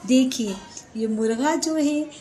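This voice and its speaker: Slow, high-voiced woman teaching children. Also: mellow, a little hiss or hum. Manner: slow, patient, explains line by line. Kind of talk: explaining a poem to children.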